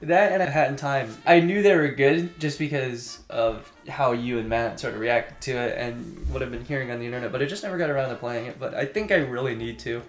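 A man's voice: medium pitch, fairly quick, few pauses, soft background music. Chatty man in an echoey room. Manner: chatty, laughs often. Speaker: podcast co-host. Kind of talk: casual chat about games.

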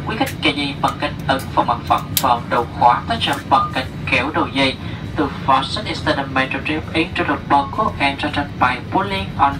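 Vietnamese man's flight safety demo over noisy cabin PA. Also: mid-range voice. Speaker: flight attendant making cabin announcement. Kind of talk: flight safety demo announcement, scripted and bilingual. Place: inside an airliner cabin. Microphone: cabin PA picked up by distant camera. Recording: noisy aircraft cabin PA, distant. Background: loud aircraft ambience.

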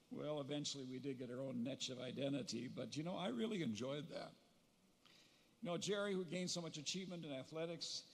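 A man's voice: a little high, creaky. Older man giving a eulogy in a reverberant hall. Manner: reminiscing storyteller, gentle humor, pauses to recall. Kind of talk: funeral eulogy. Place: large funeral hall. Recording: long reverb of a large hall.

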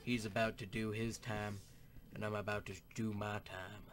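A young man with a lowish voice gives crude, joking gaming commentary at normal speed in a flat delivery, swearing often and slipping into whispered asides. He's a gaming YouTuber, and keyboard clicks and typing sit behind his voice along with other background noise.

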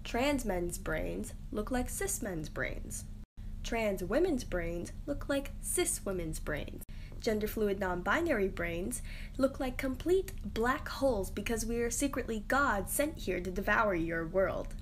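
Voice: medium pitch, expressive, unhurried, a little hiss or hum. Non-binary creator, playful, mock-menacing, faint ambience behind.

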